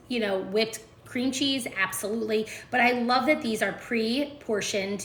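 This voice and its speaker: A food and nutrition creator chats casually with live stream viewers while making breakfast in her home kitchen, filling her talk with fillers and asides. Her mid-range voice is a little bright, and the room is echoey with slight background noise.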